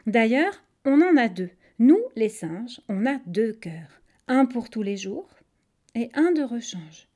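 A woman voicing a clever, quick-thinking male monkey in a storybook reading. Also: on the high side, big pitch swings, warm tone, exaggerated voice. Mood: breezy. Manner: breezy, casual, mocking.

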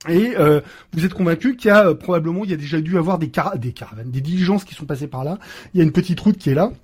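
A man's voice: on the high side, very fast, breathy edge. A man narrating as game master of a tabletop role-playing game, hesitant with frequent filler sounds and restarts, adding playful sound effects to his descriptions.

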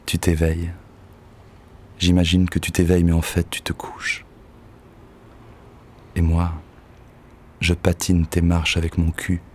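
An actor playing a bitter, lonely young poet in an audio drama, speaking gruffly and curtly, at times sinking into a hushed half-whisper. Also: male voice, deep voice. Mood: hushed, lovesick. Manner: gruff, curt and crude. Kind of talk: poetic audio-drama monologue.

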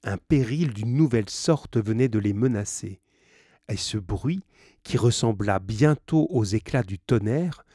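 A man reads a novel aloud, slowly and with a lively, wide-ranging pitch. His voice is low and husky, and he pauses to restate difficult words simply. The sound is close and dry. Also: dry recording. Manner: pauses to restate hard words in plain terms. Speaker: reader of a novel.

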